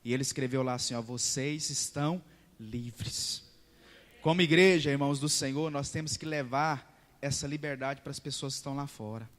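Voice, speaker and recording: A man's voice: mid-range voice, fast talker, fairly bright tone. A pastor preaching a sermon. He tells stories emphatically and keeps calling out to the congregation. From central Brazil. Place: large church hall. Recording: long reverb in a church hall.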